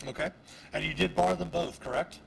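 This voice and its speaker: A man with a gravelly, creaky voice narrates as dungeon master of a tabletop game. He talks in halting runs full of fillers, and steady noise sits under the stream audio. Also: a little high, low-quality recording.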